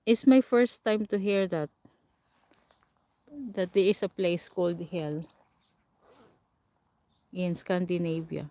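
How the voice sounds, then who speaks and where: This host's voice is lowish, steady and mellow, unhurried and full of pauses, with no room sound. She is a woman from the Philippines with a Filipino accent, running a relaxed livestream where she answers comments and laughs frequently, captured by a camera or phone mic placed a little way off.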